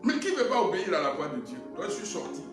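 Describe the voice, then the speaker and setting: Animated preacher in an echoey hall. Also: male voice, high-pitched, racing. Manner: animated, swings from loud to hushed. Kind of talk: sermon with personal testimony. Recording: echoey hall, voice from far off, music behind.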